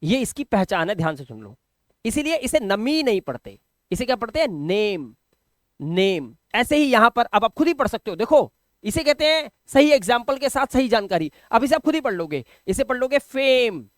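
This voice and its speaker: A man's voice: extremely high pitch, sing-song, brisk, dry recording, studio quality. A man teaching English pronunciation in a patient classroom style, often asking a question and answering it himself.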